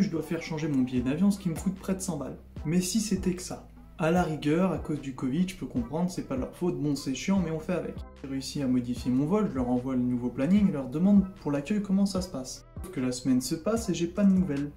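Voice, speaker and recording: This is a comic vlog monologue from a young Frenchman, sarcastic and mock-indignant in tone. His voice is mellow and somewhat high. The recording has an echoey room sound with faint background music.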